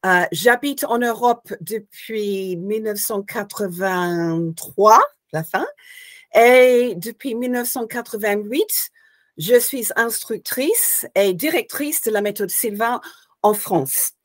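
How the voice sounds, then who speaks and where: Older woman, from Australia, hypnosis instructor, interview guest, measured and explanatory, pauses to find her words. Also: mid-range voice. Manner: thoughtful, searching for words, explains step by step.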